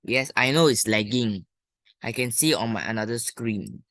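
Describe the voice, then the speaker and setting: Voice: mid-range voice, normal speed, a bit bright, no room sound, studio quality. A teacher with a Malaysian or Singaporean English accent, talking informally through lesson exercises and thinking aloud with colloquial particles. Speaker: primary school English teacher.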